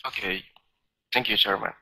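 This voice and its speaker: A man from Indonesia leading the negative team in a student debate, introducing his team in plain, slightly halting speech. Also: lowish voice, fairly even intonation, background noise.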